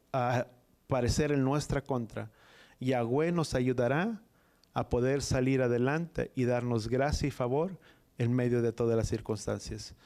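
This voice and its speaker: A male preacher reads a scripture passage in short, broken phrases, putting "dice" between nearly every clause. His pitch sits in a middle range for a man, and he moves from reading into plain sermon teaching. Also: darkish tone. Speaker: pastor.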